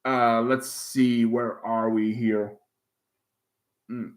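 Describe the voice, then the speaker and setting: Speaking extremely slowly at medium pitch with a level tone, a man with a Dutch accent, a native Dutch speaker, runs a casual livestream. He reads out viewer comments and rambles, full of fillers and restarts.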